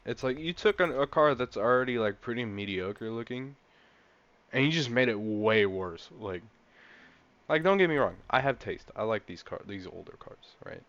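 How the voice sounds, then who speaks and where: A young man giving casual, rambling gameplay commentary, an excitable car enthusiast talking through a car he's trying out. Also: mid-range voice, moderate pace, no echo, dull audio. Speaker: gaming channel host.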